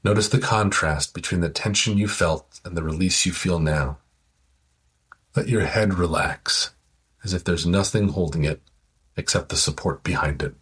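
A man slowly guiding a listener through a progressive muscle relaxation exercise with soothing, calm instructions. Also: sits low, slightly rough. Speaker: relaxation guide.

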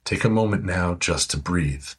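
Man, deep voice, very smooth tone, slow soothing relaxation guide. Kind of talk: guided progressive muscle relaxation.

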